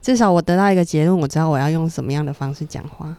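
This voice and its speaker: A woman from Taichung with a Taiwanese Mandarin accent and a somewhat low voice for a woman. She co-hosts a studio podcast, answering in short, easygoing, playful bits. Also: very fast, clear, resonant tone. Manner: short relaxed replies, laid-back and playful. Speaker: podcast co-host, therapist. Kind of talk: casual podcast chat.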